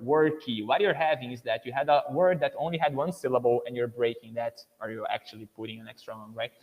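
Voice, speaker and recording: A Brazilian man with a Brazilian Portuguese accent gives an English-teaching webinar lecture in a relaxed, conversational style, his voice at an ordinary middle pitch. He sprinkles in "you know" and "right," and the dull computer-mic audio has a long reverb tail.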